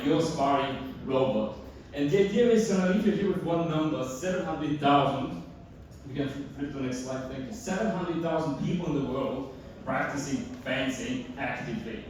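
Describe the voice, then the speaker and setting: A man giving a hackathon demo pitch, addressing the audience with rhetorical questions. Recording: echoey hall from far off, noisy.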